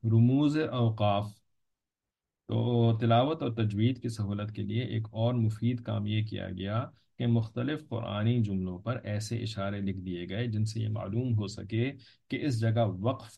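Low gravelly-voiced man teaching a class. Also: mellow. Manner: patient, repeats points, checks with listeners. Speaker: religious teacher. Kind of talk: explanatory lecture. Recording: dull lo-fi recording.

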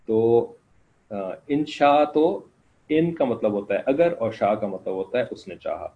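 A man teaching an online class, explaining slowly and checking in with his students again and again. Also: medium pitch, lively intonation, phone-quality sound. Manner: slow explanatory, keeps asking "ٹھیک ہے نا".

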